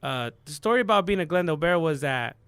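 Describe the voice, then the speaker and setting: A young man from Southern California chats as a podcast guest, rambling easily through his story with plenty of fillers and slang. His voice is bright and clean. It sits close to the mic in a dry, dead room. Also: a little high, expressive, fast, clean tone, dry recording. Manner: laid-back, rambling, lots of fillers and slang. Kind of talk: casual storytelling chat.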